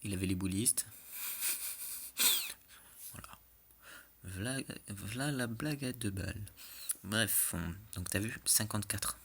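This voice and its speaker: A man's voice: lowish voice, slow pace, creaky, long pauses, fairly bright tone, slight background noise. A man giving casual, joking commentary over game replays, chatty and often checking in with the listener. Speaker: clan war replay commentator.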